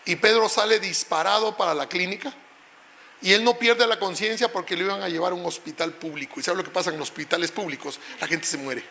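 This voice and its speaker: Male pastor, middle-aged, high bright voice, emotional storytelling sermon. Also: fast talker, creaky, a little hiss or hum.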